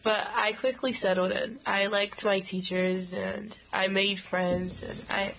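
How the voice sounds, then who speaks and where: A woman's voice: mid-range voice, fairly even intonation, a little slow, vocal fry, fairly bright tone, rough recording. A young woman from Haiti, a native Haitian Creole speaker, giving plain, candid short answers as a student guest in an interview. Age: young adult.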